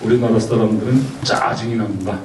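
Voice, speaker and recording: A man's voice: fairly low pitch, steady tone, fairly quick. A man giving a lecture, asking his audience questions and having them repeat phrases after him. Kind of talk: lecture on communication. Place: lecture hall. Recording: roomy, distant mic, faint background noise.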